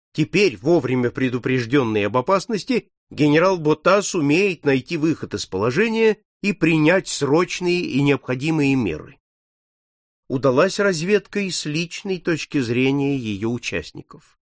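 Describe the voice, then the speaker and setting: A man's voice: mid-range voice, dry recording, clean studio sound. Man narrating an adventure audiobook. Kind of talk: scripted narration.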